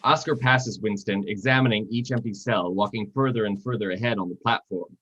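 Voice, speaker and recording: A man narrating screenplay stage directions at a live reading, steady and descriptive. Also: fairly low pitch, a little fast, husky. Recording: dull lo-fi sound.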